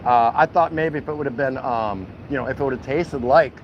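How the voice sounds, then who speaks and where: His voice is mid-range and a little fast, captured with lo-fi sound and slight background noise. This American vlog host from Milwaukee chats in a folksy, colloquial, jokey way to his livestream viewers outside at a city food truck.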